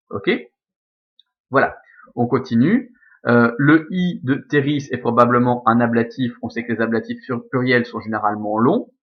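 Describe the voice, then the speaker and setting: A male teacher with a Belgian French accent walks through a lesson in a methodical, step-by-step way, repeating each rule patiently. His voice sits in a middle register. The recording is slightly dull and lo-fi. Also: medium pitch. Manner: methodical, repetitive step-by-step explaining. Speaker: Latin teacher. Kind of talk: screen-recorded lesson explaining Latin scansion.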